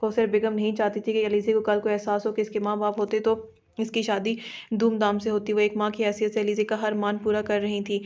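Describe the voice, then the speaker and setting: A woman narrating a romantic audio novel in a steady, level storytelling voice. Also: mid-range voice, fairly quick. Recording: dull lo-fi audio.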